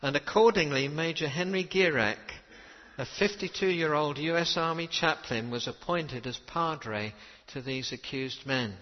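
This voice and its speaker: A man's voice: on the high side, a little slow. A man delivering a sermon, telling a story earnestly and quoting old letters with emphasis. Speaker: preacher. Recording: dull reverberant hall recording.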